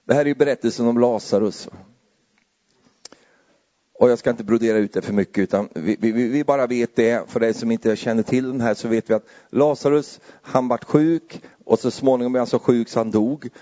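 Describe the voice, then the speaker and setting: Man preaching, rising to excitement. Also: lo-fi sound. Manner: conversational, often adds tag questions, grows louder and higher as he builds. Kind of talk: sermon.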